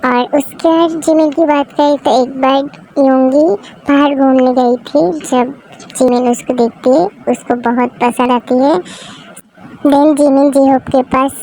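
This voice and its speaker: High-voiced woman, casual chatty narrator for a fan dub. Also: flat delivery, measured pace, dark tone, low-quality recording. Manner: chatty, mixes in English words. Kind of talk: casual storytelling.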